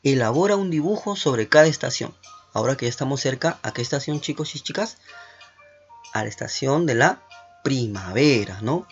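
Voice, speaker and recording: Animated and at normal speed, this medium-pitched male teacher leads an online lesson for schoolchildren, cheering them on through questions and asking "¿no?" frequently. Faint music plays under a dull, lo-fi recording.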